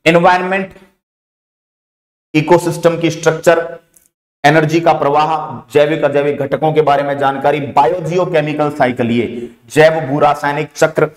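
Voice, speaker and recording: A male exam prep teacher with a Rajasthani Hindi accent talks through a syllabus in a slightly high voice. He moves quickly from item to item with casual fillers and calls his students "beta". The room around him echoes. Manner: brisk listing of topics with frequent "theek hai" fillers; addresses students familiarly as "beta". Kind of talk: online exam coaching lecture.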